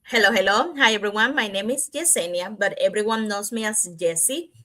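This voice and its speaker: Bright, lively woman from Cuba. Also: medium pitch, fairly quick. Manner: animated, searching for words with restarts and "you know". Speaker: panelist, nurse. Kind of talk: panel discussion.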